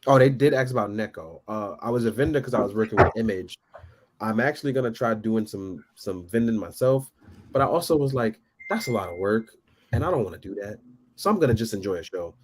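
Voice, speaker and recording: A man talking casually as a podcast guest, rambling and animated, laughing often. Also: lowish voice, brisk, slight background noise. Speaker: guest toy photographer.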